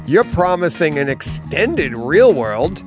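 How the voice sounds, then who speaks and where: A middle-aged man chatting in a comic bookstore, his slightly high voice swinging up and down as he tells a story. He laughs his way through it, and faint music plays in the background. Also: very animated, takes it slowly. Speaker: podcast co-host. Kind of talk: casual chat, storytelling.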